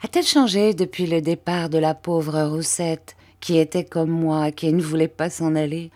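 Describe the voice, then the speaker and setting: A woman reading the part of an eager young boy in an audiobook, speaking earnestly and with excitement. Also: low voice, normal speed, close to an everyday voice.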